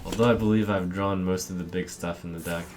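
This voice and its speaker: A man's voice: low-pitched, fairly even intonation, brisk, very noisy. A man giving casual, understated commentary on a video game, thinking aloud as he plays. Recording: loud game music behind voice. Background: video game music.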